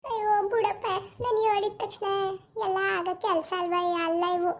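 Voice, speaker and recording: Woman doing a squeaky, teary old village aunt. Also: moderate pace. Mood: pleading. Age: older. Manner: pleading, sobbing, self-reproaching. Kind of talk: cartoon voice acting.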